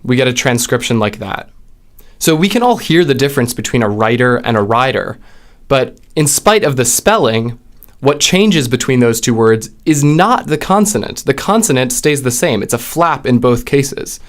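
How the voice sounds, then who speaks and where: A man giving an explanatory lesson on speech sounds. He speaks deliberately and draws out example words and vowels to demonstrate them. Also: medium pitch, expressive. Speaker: linguistics video host.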